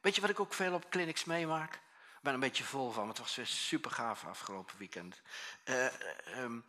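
A man preaching a sermon as pastor, telling stories with lively acted-out voices. He swings from hushed near-whispers to loud exclamations. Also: medium pitch, moderate pace. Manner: animated storytelling, acts out voices, swings from hushed to shouting.

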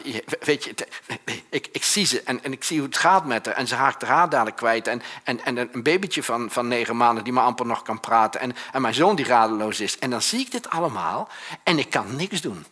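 A man preaching a sermon in a chatty, animated way, full of restarts and asides. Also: medium pitch, husky.

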